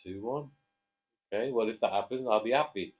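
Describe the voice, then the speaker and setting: A man's voice: fairly low pitch, brisk. A man co-hosting a casual chat, jokey and chatty, prompting his co-host to speak. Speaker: co-host, father.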